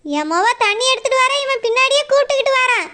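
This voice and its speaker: A woman's voice: very high voice, expressive, fast talker, bright, forceful tone, slight background noise, full character voice. A middle-aged woman with a Kanyakumari Tamil accent, playing a village mother who sternly warns and argues back. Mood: indignant. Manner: stern, warning, indignant. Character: proud village mother defending her daughter. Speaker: mother of the runaway girl.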